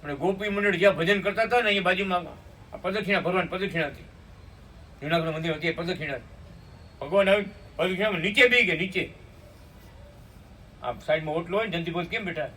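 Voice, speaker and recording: High, bright and forceful, a man preaches from afar at a satsang, weaving a devotional story with slow chanted hymns. He checks in with listeners by asking "hum?". Faint room noise comes through the distant microphone.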